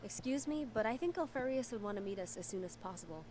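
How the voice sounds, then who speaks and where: An actress playing a polite, earnest adventuring companion in a video game, speaking in a measured, formal way. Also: female voice, medium pitch, lively intonation, a little mellow, a little hiss or hum, lightly acted. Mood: polite, resigned. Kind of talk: game voice acting.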